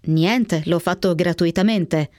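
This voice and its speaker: A woman's voice: fairly low pitch, takes it slowly, dark tone, dry recording, clean studio sound. A woman voicing a young woman prisoner under interrogation in a radio reading, speaking in a defensive, earnest and pleading way.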